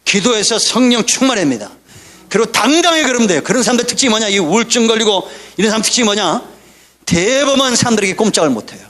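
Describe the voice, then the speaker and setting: A middle-aged man preaches a Sunday sermon. His voice sits high for a man, and he keeps things lively with joking asides to the congregation. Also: fast. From Korea. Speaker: pastor.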